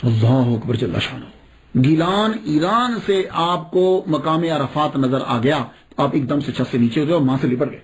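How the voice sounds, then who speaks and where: A male preacher telling a religious story in a sermon, animated and asking rhetorical questions as he goes. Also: on the high side, hardly any pauses.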